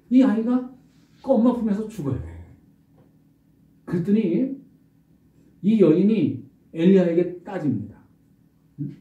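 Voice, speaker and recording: A male pastor preaching a sermon, telling the story with lively rhetorical questions. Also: sits high. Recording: roomy distant dull recording.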